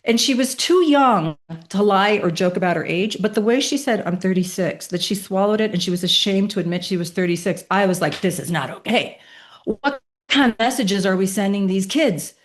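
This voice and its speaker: A woman's voice: mid-range voice, moderate pace. Emphatic woman in her fifties telling stories. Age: 50s. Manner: emphatic, animated storytelling with rhetorical questions. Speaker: guest. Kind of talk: podcast interview storytelling.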